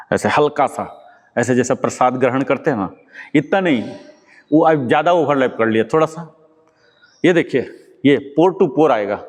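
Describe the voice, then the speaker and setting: A man leading a yoga class, giving patient step-by-step instructions and quizzing his students. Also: medium pitch. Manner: patient, repeats key words and quizzes students. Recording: long hall reverb.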